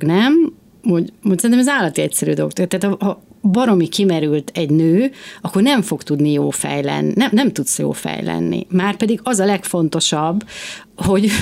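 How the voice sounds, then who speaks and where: A woman hosting a casual discussion, talking passionately and emphatically in quick bursts, a mother of two. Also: sits low, darkish tone.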